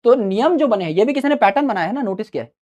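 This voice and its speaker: A man's voice: very high voice, expressive, racing, a little mellow, muffled recording. A man teaching exam students in a casual advice talk. He is chatty and mixes in English phrases. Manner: chatty, mixes Hindi with English phrases, calls listeners "brother".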